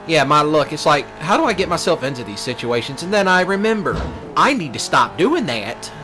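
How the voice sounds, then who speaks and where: Over background music and steady vehicle sounds in a noisy recording, a Southern-accented male streamer rambles through a casual rant while gaming. He speaks at a fairly high pitch and fairly quickly, in a brash, folksy way with rural slang and frequent repetition.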